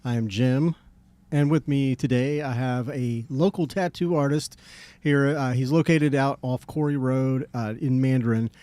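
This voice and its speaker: A man in his late forties with a drawl hosts a podcast, talking in a laid-back, joking way. His voice sits at a middle pitch and is recorded dry and close, with no room sound. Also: fairly even intonation, a little slow, dark tone, no echo. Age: 40s. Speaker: podcast host. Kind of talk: casual chat.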